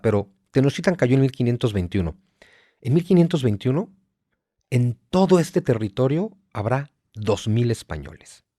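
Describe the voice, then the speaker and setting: A Mexico City man in his forties holds forth as a guest, building long lists and firing rhetorical questions with conviction. His voice sits in a middle pitch. The sound is close and completely dry. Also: darkish tone, no echo. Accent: Mexico City Spanish. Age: 40s. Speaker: guest writer. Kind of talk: conversational interview.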